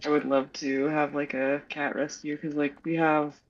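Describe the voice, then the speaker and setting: A young woman with a gravelly edge to her voice chats at home in a loose, rambling way, full of fillers and quick laughs. Her mic sounds dull and lo-fi. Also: low-pitched, level tone. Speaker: streamer hosting a game chat. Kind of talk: casual chat.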